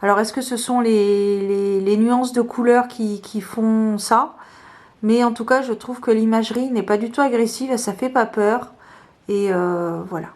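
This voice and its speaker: A woman's voice: fairly high pitch, fairly even intonation. A woman casually showing her favourite tarot cards, talking hesitantly with many fillers. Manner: slow, soft-spoken. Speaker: tarot vlogger.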